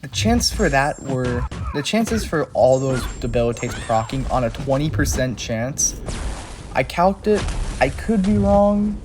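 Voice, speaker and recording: A man's voice: mid-range voice, big pitch swings, measured pace, over music. A man narrating a recap of his game fights in an exasperated, rambling play-by-play. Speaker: game channel creator. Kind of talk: gameplay recap voice-over. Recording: clear background noise.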